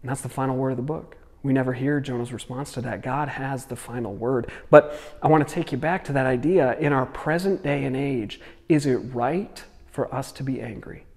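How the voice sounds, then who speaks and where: A man preaching a short video sermon, retelling a Bible story in a lively, dramatic way. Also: mid-range voice, big-room sound. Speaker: pastor.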